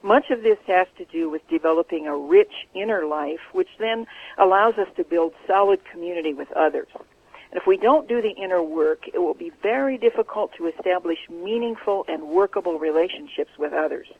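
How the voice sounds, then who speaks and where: A man, an author, answering interview questions in an earnest, measured way over the phone. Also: high-pitched. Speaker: author guest. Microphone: telephone. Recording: tinny phone line.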